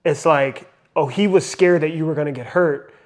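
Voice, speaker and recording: A man's voice: on the high side, normal speed. A young man and father talking earnestly in a casual podcast conversation, reflecting and using many fillers. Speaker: podcast co-host.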